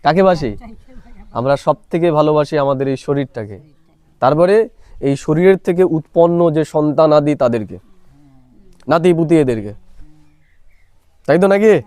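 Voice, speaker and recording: A man's voice: a little high, animated, moderate pace, long pauses, a little mellow, dry recording. A man teaching a spiritual meditation class who keeps asking listeners whether they follow, speaking into a clip-on mic recorded on a phone. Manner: asks listeners rhetorical check-in questions. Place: small room, recorded on a mobile phone. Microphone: clip-on microphone.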